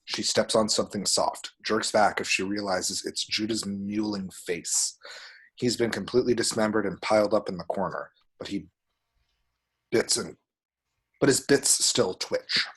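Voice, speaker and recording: Reading a script's action descriptions aloud at a table read, he brings vivid, dramatic storytelling and spoken sound effects. The man's voice is lowish and fairly bright, breathy at the edges, delivered at a measured pace.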